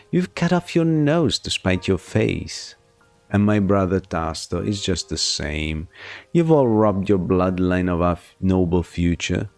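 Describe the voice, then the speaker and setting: A man's voice: low voice, gravelly, darkish tone, full character voice. A man voicing a bitter, proud young nobleman, the scornful eldest son, with a haughty, cutting delivery.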